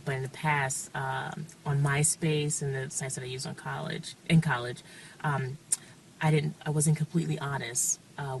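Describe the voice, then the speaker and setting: A woman in her thirties, speaking in a documentary interview, hesitant with many pauses and fillers. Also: deep voice, a little hiss or hum. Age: 30s. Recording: distant mic with faint music.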